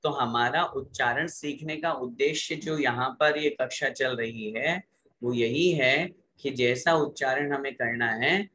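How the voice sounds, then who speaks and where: Slow-chanting man teaching pronunciation. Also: medium pitch, sharp tone, a little hiss or hum, rough recording. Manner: slow drawn-out recitation alternating with brisk explanation. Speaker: religious recitation teacher. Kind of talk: pronunciation lesson with call-and-repeat chanting.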